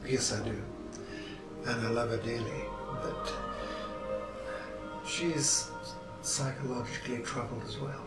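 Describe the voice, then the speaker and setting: An actor in a short film drama portrays a widowed, lonely middle-aged dad held in a psychiatric clinic, guarded and speaking in a dry, clipped, exasperated way. His natural, medium-pitched voice is slow and fairly even, broken by long pauses. The sound is roomy and distant-miked, heard over loud music.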